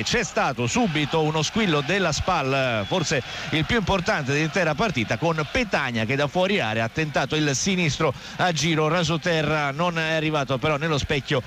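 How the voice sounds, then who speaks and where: An Italian man giving excited, urgent live football commentary on the radio. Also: a little high, brisk. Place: outdoor football stadium. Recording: noisy outdoor stadium radio broadcast. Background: loud stadium ambience.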